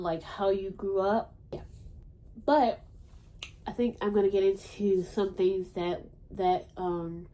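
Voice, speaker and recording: A woman's voice: mid-range voice, warm tone, poor audio. A woman hosting a podcast in casual chat, talking in a rambling, blunt way and swearing freely. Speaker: podcast host.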